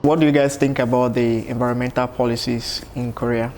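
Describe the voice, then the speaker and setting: A man from Cameroon leads a casual panel chat. His delivery is very even and flat, and he tells anecdotes loosely with filler phrases. Faint background noise runs under his voice. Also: mid-range voice, fairly quick. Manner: relaxed storytelling with fillers. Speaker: host of a panel discussion. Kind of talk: casual group discussion.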